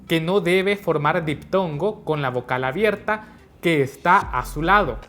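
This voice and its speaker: A woman narrating a scripted lesson, explaining each point slowly and carefully. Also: low-pitched. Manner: slow, carefully spelled-out teaching. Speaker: teacher. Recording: soft background music.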